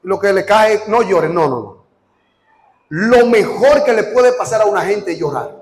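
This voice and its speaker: A male preacher giving an impassioned sermon in a live church service, questioning his congregation and often shouting. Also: high voice, big pitch swings, a little slow, a little hiss or hum. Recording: echoey church hall with music and congregation. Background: music and congregation.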